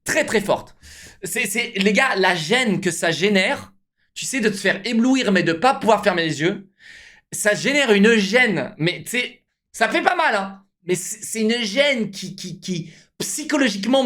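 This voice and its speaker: A young man, a streamer telling a story casually to his live chat, animated and repetitive, often calling out to the viewers. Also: high voice, unhurried. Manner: animated, repeats himself, addresses viewers as guys.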